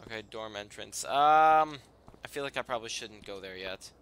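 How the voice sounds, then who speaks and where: A man giving casual, halting and rambling commentary over a video game as its host. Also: medium pitch, animated, fairly bright tone, clear, resonant tone. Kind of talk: casual let's play commentary.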